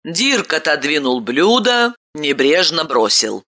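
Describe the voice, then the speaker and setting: Bright expressive woman narrator. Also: low voice, slow. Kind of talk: storybook narration.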